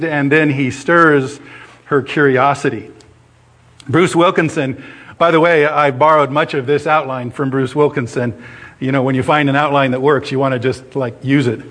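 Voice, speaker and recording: A man's voice: on the high side, a bit bright. A middle-aged man preaching a sermon in a conversational way, telling a story with restarts and fillers and acting out the voices in it.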